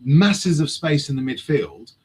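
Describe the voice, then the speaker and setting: A man's voice: fairly high pitch, animated, a little slow, a little mellow, poor audio. A man talking football tactics in casual chat, passionate and swearing freely.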